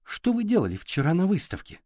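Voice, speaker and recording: A man's voice: high voice, wildly swooping pitch, a little fast, warm tone, dry recording, studio quality, voice pushed up. Man doing a pressing young girl. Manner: eager, pressing questions.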